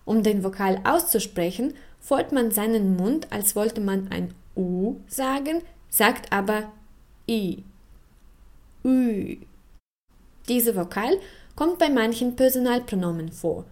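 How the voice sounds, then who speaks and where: A woman giving scripted educational narration, explaining things in a clear, measured way with carefully spoken example words. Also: mid-range voice, animated, darkish tone. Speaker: narrator of a language feature.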